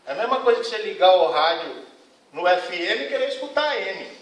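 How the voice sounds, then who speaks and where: This spiritist lecturer addresses a congregation in an echoey hall at a spiritist center, picked up by a distant mic. He's earnest, admonishing and frank, with a high, very animated, fairly bright voice and a brisk delivery.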